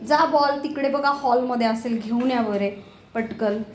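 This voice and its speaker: A woman's voice: fairly high pitch, unhurried, reverberant, slight background noise. A woman talking to her pets in a home kitchen, scolding them fondly in exasperated baby talk. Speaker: pet owner filming her cats. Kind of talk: casual home video chatter to pets.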